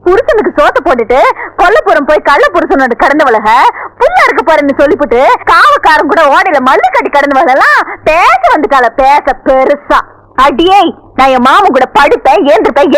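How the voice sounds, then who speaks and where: An actress playing a bold young village wife who scolds and taunts in a rush of proverbs. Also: female voice, high voice, sing-song, brisk, fairly bright tone, dry recording, rough recording. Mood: taunting. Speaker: film actress. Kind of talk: film dialogue.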